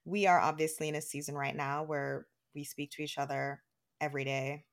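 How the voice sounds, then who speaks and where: A woman's voice: sits low, little pitch movement, a little fast. A woman in her thirties co-hosting a casual podcast, talking through her thoughts with frequent restarts and easy laughter. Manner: chatty, many restarts and "like"s, laughs easily. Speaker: podcast co-host.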